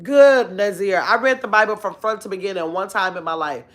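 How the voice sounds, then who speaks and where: A woman in her fifties with a mid-range voice hosts a casual livestream from her bedroom at home. Holding her phone close at arm's length, she reads viewer comments aloud in a chatty, animated way, full of drawn-out exclamations.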